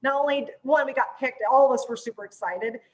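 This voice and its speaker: A woman with a high-pitched voice hosts a casual promotional chat. She talks in an informal, chatty way and sounds readily excitable. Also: a little fast. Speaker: host.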